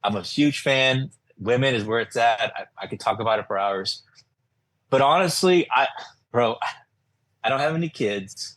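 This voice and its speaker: A man's voice: mid-range voice, moderate pace, a bit bright. A man talking casually as a podcast guest, informal and emphatic, often repeating his phrases. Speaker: podcast guest, content creator. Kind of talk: casual conversational podcast talk.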